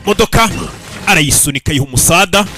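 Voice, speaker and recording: A man with a Rwandan accent gives excited, exclamatory commentary as he retells and translates an action film, often throwing in short interjections. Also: fairly high pitch, quick pace. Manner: animated, exclamatory, with repeated interjections. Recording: loud film soundtrack behind the voice. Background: loud film music and vehicle sounds.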